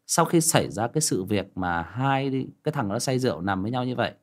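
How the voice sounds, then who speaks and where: A man telling a personal story in a casual monologue, acting out the dialogue. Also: a little fast. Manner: lively, acts out quoted dialogue with pitch jumps. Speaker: storyteller giving relationship advice.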